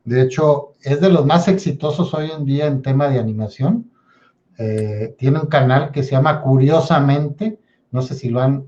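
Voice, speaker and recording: A man's voice: a little high, mellow. Man telling stories, lo-fi sound. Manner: storytelling, tags lines with "¿no?". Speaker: guest. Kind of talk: casual interview talk.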